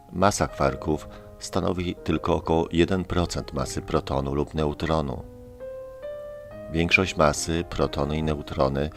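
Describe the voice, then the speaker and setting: A man giving scripted narration for a science channel, in a calm, measured, explanatory way. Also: very deep voice. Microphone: voice-over. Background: background music.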